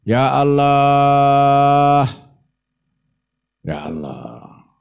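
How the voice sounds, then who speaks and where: A man's voice: mid-range voice, a little mellow. A man with a Javanese accent teaching a Ramadan religious lesson, telling a story, mixing in Javanese phrases, and repeating lines for emphasis.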